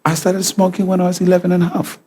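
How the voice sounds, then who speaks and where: A man's voice: high voice, monotone, extremely slow, darkish tone, a little hiss or hum. A male guest preacher speaking in short phrases through an interpreter, calling out hallelujah and asking the crowd questions.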